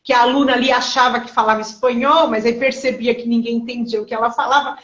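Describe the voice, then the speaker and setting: A woman's voice: a little high, steady tone, fast, a bit bright, dull audio. A woman hosting an interview, asking long, reflective questions with frequent tag questions. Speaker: interview host. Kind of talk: interview conversation. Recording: echoey room.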